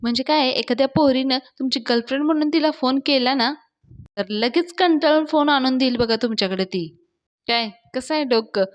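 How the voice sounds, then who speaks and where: A woman's voice: high-pitched, normal speed, pitched above the performer's own voice, natural voice. Brief: scheming young male sidekick, wheedling, put on by a woman narrator. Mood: sly.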